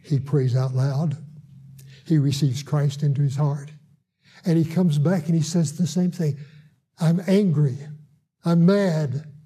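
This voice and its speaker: A man who visits hospitals to evangelize, telling a testimony in an earnest way and slowing down for emphasis. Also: fairly high pitch, steady tone, warm tone, husky. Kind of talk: testimony storytelling.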